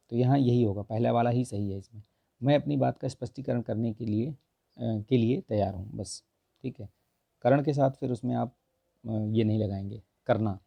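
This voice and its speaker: A man with a hoarse, strained throat teaching a Hindi grammar lesson for an exam, going through test answers and repeating "okay" often. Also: mid-range voice, dry recording, muffled recording. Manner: repeats "theek hai" constantly, corrects answers with mild humor.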